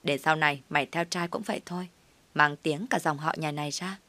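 A woman's voice: fairly even intonation, brisk, sharp tone, no echo. A woman voicing a harsh, accusing middle-aged aunt who scolds her niece, in a dry, close recording. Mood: furious. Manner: shrill, accusing, berating.

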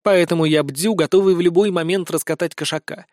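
A man's voice: fairly high pitch, steady tone, a little fast, darkish tone, no echo, studio quality. A man reading a first-person fantasy story in a wry, slangy, conversational manner. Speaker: audiobook narrator.

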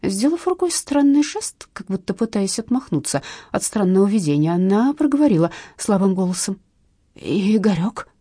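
A woman reading a comic detective novel aloud in measured, expressive audiobook narration. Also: medium pitch, slightly rough, no room sound, studio quality.

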